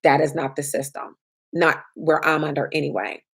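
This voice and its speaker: A woman insurance trainer answers viewer questions during a chatty live stream. Her slightly low voice carries a faint rasp from lack of sleep, and her delivery is flat at a moderate pace.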